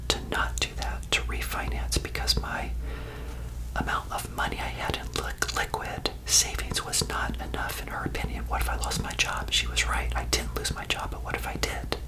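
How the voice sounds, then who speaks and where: Whispering ASMR host in their fifties. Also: poor audio. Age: 50s. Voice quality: soft, breathy, unvoiced whisper. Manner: reassuring, conversational, advising. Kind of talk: whispered ASMR personal finance talk.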